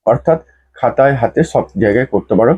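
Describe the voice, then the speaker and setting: A man's voice: mid-range voice, fast talker, breathy edge. A man speaking to his viewers as an astrologer, patiently explaining a remedy and repeating each step. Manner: repetitive, patient explaining, addresses viewers directly. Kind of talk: instructional talk to viewers. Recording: dull lo-fi sound.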